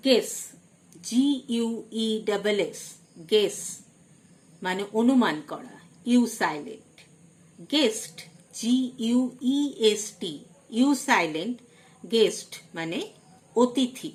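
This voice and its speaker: Slow, deliberate woman teacher. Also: medium pitch, lively intonation, darkish tone. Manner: slow, deliberate, stresses each headword. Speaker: English teacher. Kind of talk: slow vocabulary lesson, spelling words letter by letter.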